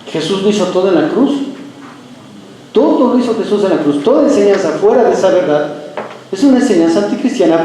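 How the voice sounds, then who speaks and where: A male pastor delivers an emphatic sermon, pressing his listeners with rhetorical questions. His voice sits high yet sounds mellow and dark in tone. It rings around a very echoey church room. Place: church sanctuary.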